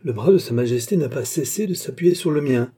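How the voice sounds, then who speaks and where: A man voicing a calm, gentle noble princess whose replies trail off softly. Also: medium pitch, fairly quick, husky, pitched above the performer's own voice. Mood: earnest. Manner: soft, simple replies trailing off quietly.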